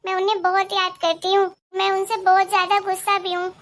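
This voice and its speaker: A woman's voice: very high-pitched, monotone, a little fast. A woman voicing a young, educated daughter-in-law in a cartoon story, muttering complaints to herself in a chatty way. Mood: worried.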